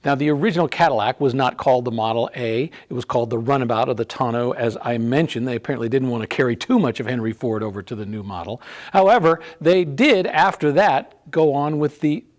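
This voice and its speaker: A man's voice: mid-range voice, a little fast. A man hosting a video in a car museum, talking in a chatty, conversational way. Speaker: host. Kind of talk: casual presenting.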